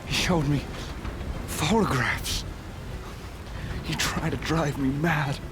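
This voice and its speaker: A man playing a distraught, upright police commissioner in a radio drama, speaking in a strained, halting, earnest way. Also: a little high, background noise. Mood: shaken but resolute. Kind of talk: amateur radio drama acting. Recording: amateur radio drama with music behind.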